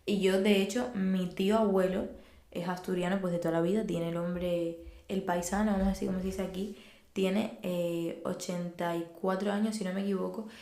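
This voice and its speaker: Brief: young Cuban-accented woman, warm mellow tone, lively storyteller, roomy echo. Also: fairly low pitch, normal speed. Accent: Cuban Spanish. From Cuba. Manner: animated storyteller, acts out quoted dialogue. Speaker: podcast guest. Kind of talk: casual chat.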